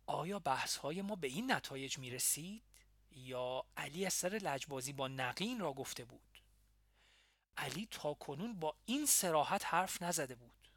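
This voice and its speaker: A man narrating a first-person memoir audiobook in a steady, reflective way. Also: on the high side, no room sound.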